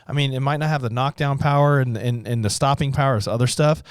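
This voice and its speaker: A man co-hosting a podcast in casual chat, explaining things to listeners in a relaxed, rambling way. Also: mid-range voice, quick pace, smooth, no echo, clean studio sound. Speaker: podcast co-host, gun shop staff.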